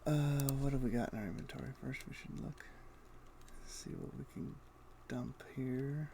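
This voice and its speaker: A game streamer with a warm, mid-range voice and some vocal fry chats casually at a moderate pace, muttering his thoughts in short fragments as he plays. Faint keyboard typing and mouse clicks can be heard in the background.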